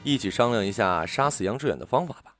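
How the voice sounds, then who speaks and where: A man narrating a ghost story in an expressive storytelling delivery. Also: on the low side, fast talker, faint music behind. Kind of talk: audiobook storytelling.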